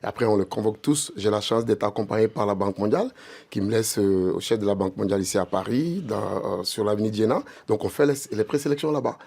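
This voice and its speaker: A man with a lowish voice speaks as a radio guest about the program he founded. He talks eagerly and keeps dropping fillers as he goes. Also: fast, vocal fry, a little mellow. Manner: enthusiastic, filler-heavy, repeats "voilà". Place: radio studio.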